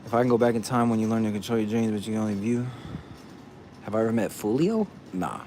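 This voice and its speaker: A man's voice: fairly low pitch, quick pace, warm tone, slight background noise. A man answering viewers' questions in casual chat, blunt and profane, tossing "bro" into nearly every thought.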